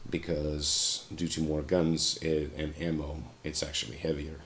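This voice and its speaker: A man's voice: completely flat delivery, measured pace, a bit bright. A man livestreaming a game with casual commentary, sounding sick with a sore throat and a stuffed nose. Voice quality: congested, very deep sick voice. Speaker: game streamer, show host. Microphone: streaming microphone.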